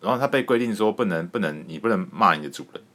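Animated low-voiced man ranting. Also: fast. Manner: animated, rambling, emphatic, swears casually. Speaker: podcast host. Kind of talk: casual political commentary.

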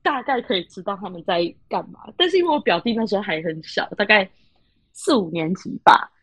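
Animated, husky young Taiwanese woman. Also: medium pitch, brisk, no room sound. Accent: Taiwanese Mandarin. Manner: animated, laughs often, acts out quoted voices. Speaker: podcast co-host. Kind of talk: casual storytelling chat.

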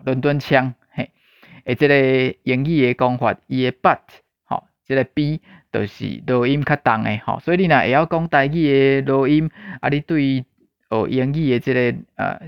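Man teaching in an unhurried, repetitive way. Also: mid-range voice, creaky, clear, resonant tone, dry recording. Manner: unhurried, repeats phrases, ends lines with a tag particle. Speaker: language teacher. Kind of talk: casual spoken lesson. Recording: dull lo-fi dry recording.

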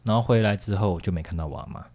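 On a chat show, a young Taiwanese-accented man rambles through a personal story in a low-ish, darkish voice at a very fast clip. His telling is casual and candid, broken by frequent restarts and laughter.

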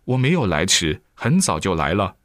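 A man's voice: low-pitched, sing-song, normal speed, no echo, clean studio sound. A man voicing a humble young disciple who pleads and apologizes. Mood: pleading. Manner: pleading, deferential.

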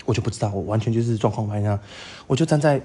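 A man's voice: on the low side, rapid-fire, slightly rough. Podcast co-host, young man, Taiwanese Mandarin accent, theatrical and campy, voices the other people in his stories. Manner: campy and animated, acts out quoted voices, laughs often. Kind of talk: casual storytelling chat.

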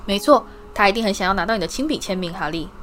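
A woman's voice: medium pitch, lively intonation, very fast, a bit bright, slight background noise, natural voice. A woman reading the part of a cheeky teenage boy wizard who teases his family. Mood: teasing. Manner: teasing, grinning.

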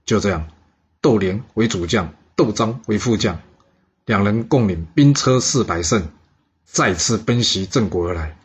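A man telling a historical story with lively, dramatic narration, in a husky voice on a dull recording. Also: on the low side, unhurried.

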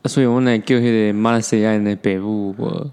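A man's voice: lowish voice, fairly even intonation, fast, a little mellow, smooth. A man chatting casually on a podcast, joking and teasing his co-host and slipping into Hokkien.

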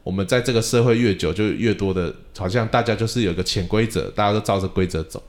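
Male podcast host and drum teacher, lowish voice, animated storyteller who plays out conversations. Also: fast talker. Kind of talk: casual podcast chat.

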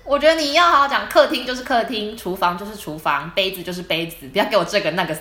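A woman's voice: medium pitch, quick pace, bright, forceful tone, roomy sound, slight background noise. A woman co-hosting a casual podcast chat, opinionated and given to wry asides. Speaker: podcast co-host.

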